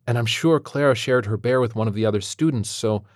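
A man's voice: medium pitch, fairly quick, dry recording, studio quality, voice pushed up, lightly acted. A man voicing a prim, passive-aggressive female kindergarten teacher with a sugary, condescending manner. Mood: sugary preachy. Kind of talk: audiobook character voice.

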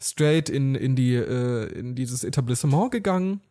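A man's voice: medium pitch, expressive, moderate pace, dark tone. A man co-hosting a casual chat, telling a rambling, self-mocking story and acting out quotes. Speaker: podcast co-host.

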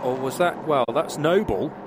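A motorsport commentator calls a motor race live in a fairly high voice at normal speed. Trackside engine and vehicle noise comes through clearly, along with car engines and outdoor track ambience.

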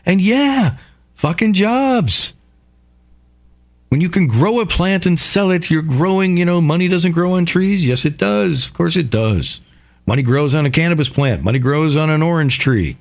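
A male radio host talking in a casual monologue, profane, excitable and rambling. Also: fairly high pitch, moderate pace.

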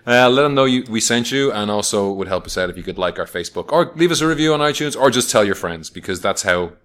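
A man's voice: lowish voice, lively intonation, fast, a bit bright. A man co-hosting a film podcast, reviewing in casual chat with dry, sweary humour.

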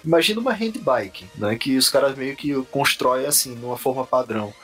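Husky, laid-back Brazilian podcast host. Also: male voice, medium pitch, expressive, normal speed, a bit bright, faint music behind. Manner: laid-back, slangy, swears casually. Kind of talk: casual podcast chat.

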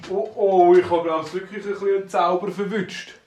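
A greedy dwarf who keeps exclaiming about all he has eaten, as a Swiss German man puts him on. The voice sits higher than the teller's own. It sounds roomy, picked up from a distance. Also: moderate pace, natural voice. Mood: alarmed. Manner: exclaiming, excitable. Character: greedy gluttonous male dwarf, growing round.

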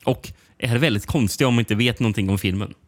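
A man's voice: fairly low pitch, dry recording. A man co-hosting a casual film podcast, laughing often and reading aloud with some stumbles and restarts. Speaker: podcast co-host.

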